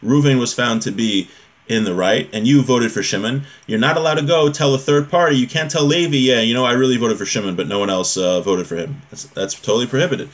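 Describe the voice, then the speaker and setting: A man teaches an informal religious lecture from a small room at home with a bookshelf, reading from a text and explaining it conversationally. He frequently poses rhetorical questions to check in, speaking at a medium pitch and a fairly quick pace.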